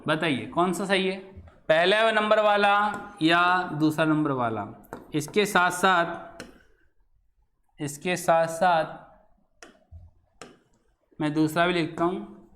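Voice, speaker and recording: Male grammar teacher with a high voice, lecturing his class in question-and-answer style, repeating example words slowly. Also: fairly bright tone. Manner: asks the class questions and answers them himself; repeats example words slowly to show how they sound.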